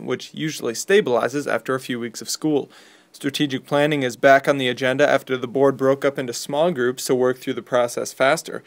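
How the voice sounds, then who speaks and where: Local radio newsreader: American male, middle-pitched voice, scripted bulletin delivery. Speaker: local radio news reader. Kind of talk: scripted local news reading.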